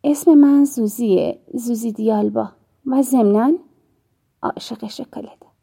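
Woman reading friendly young woman stranger, soft, low, gravelly, mellow, audiobook. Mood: gentle.

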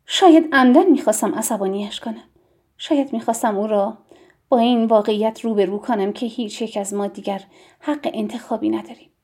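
A woman narrating a novel as an audiobook, in a hushed, intimate reading that drops to a whisper. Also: on the high side, breathy edge.

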